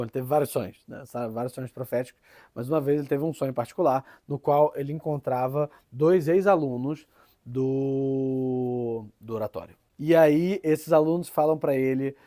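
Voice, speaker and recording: A man's voice: mid-range voice, a little mellow, dry recording, studio quality. A man with a Brazilian Portuguese accent gives an informal teaching talk, tagging many phrases with "né?" and often restarting.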